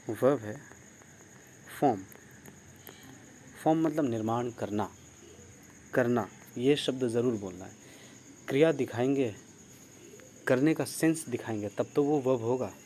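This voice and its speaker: A man teaching an online grammar lesson, who asks his class questions, praises their answers and spells words out letter by letter. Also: medium pitch. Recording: steady insect and cricket noise behind.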